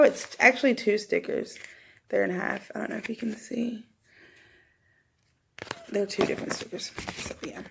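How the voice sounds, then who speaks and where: A woman's voice: medium pitch, vocal fry, a little mellow, slight background noise. A woman in her thirties chatting casually in a rambling way, thinking aloud as she films an unboxing vlog at home on a phone. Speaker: vlogger. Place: small room at home, indoors. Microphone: phone at arm's length.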